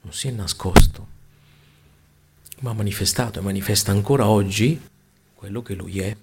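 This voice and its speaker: A man preaching a sermon, swinging between loud exclamations and hushed, near-whispered lines. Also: lowish voice, normal speed, vocal fry, noisy background.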